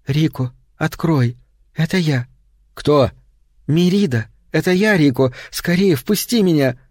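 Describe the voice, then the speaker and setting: Male reader as a seductive vampire woman, whispered, higher voice, dry close sound. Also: lively intonation, measured pace, a little mellow, no echo. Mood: pleading. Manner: breathy pleading whisper. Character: cold seductive female vampire lover.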